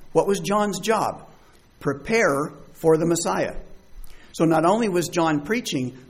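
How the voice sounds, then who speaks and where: A man's voice: on the high side, husky. A man preaching a conversational sermon, reading verses and asking rhetorical questions. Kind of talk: sermon, bible study.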